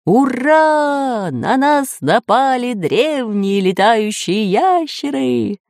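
An eager, learned professor read by a woman in a storybook. He explains patiently in a voice close to the reader's own, lively in pitch and dry. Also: moderate pace, no room sound. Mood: jubilant. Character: excitable learned male professor geographer.

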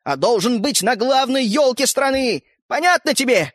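A touchy little fairy-tale hero who lectures and sulks, as a male reader puts him on. He talks high and bouncy, full of swings in pitch. The reading is dry and close. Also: expressive, a bit bright, dry recording, heavily acted. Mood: urgent. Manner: huffy, lecturing, quick to take offence. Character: touchy boastful tiny fairy-tale man.

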